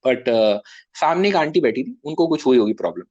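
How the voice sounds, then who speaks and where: A man telling a travel anecdote in casual chat as a podcast guest. He talks a little loud and acts out the people in his story. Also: medium pitch, lively intonation, fairly quick, no echo, muffled recording.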